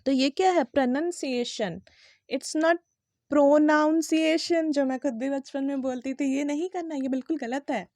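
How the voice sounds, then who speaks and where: High-voiced woman teaching pronunciation. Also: darkish tone, no echo, studio quality. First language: Hindi. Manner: patient, repeats words slowly and spells them out. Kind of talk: explaining lesson to students.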